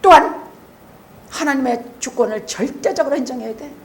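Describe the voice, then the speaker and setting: A woman with a fairly high voice preaches in a church sanctuary. Her delivery is blunt and colloquial, teasing the congregation. She drops to quiet asides, then bursts into loud shouted emphasis. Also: normal speed, slight background noise. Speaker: pastor. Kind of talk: sermon.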